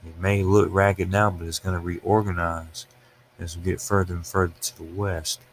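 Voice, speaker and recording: A low-voiced man, weather livestreamer, offers casual, unscripted weather commentary over a webcam from an upstairs room at home, narrating his screen as he goes. His tone stays level and his speed normal, with a little hiss or hum in the recording.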